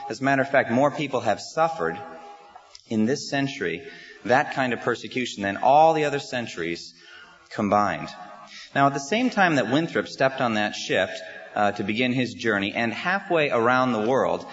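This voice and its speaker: An American man gives a Sunday sermon at a pulpit microphone in a church sanctuary. He speaks in an earnest, measured way, often pausing with "uh" as he builds his point. The recording sounds slightly muffled. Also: medium pitch, animated, a bit bright. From United States. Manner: earnest, measured, with frequent "uh" pauses. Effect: preaching into a pulpit microphone. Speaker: pastor.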